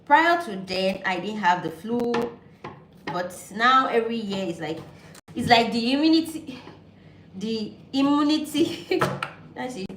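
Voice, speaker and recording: A woman's voice: on the high side, sing-song, unhurried. A woman from Nigeria whose first language is Yoruba, chatting casually with viewers while cooking at home, easygoing and thinking aloud, with an allergy. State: pollen allergy, sneezing. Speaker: vlogger. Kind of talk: casual cooking vlog chat with live viewers. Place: home kitchen. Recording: echoey kitchen with loud background noise.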